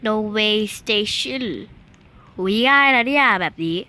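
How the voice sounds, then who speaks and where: A young woman chattering excitedly through casual gameplay commentary, squealing at near misses and talking to her viewers. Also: mid-range voice, slow, clean tone. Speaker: gaming video host.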